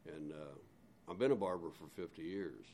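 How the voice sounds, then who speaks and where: A man's voice: sits low, normal speed, a little mellow, a little hiss or hum. An older man, a barber, reminiscing in a casual conversation, easygoing with frequent fillers.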